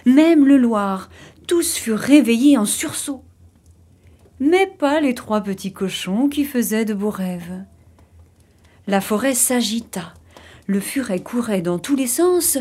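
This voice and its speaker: Woman storyteller, children's fairy tale, unhurried delivery, warm dark tone. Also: a little high, slightly rough. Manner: slow, gentle storybook narration.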